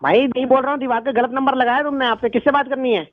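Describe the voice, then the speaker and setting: A man answers a prank call on a muffled phone line, sounding insistent and exasperated. His voice sits high for a man and comes through dull and lo-fi. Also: fairly even intonation, fast.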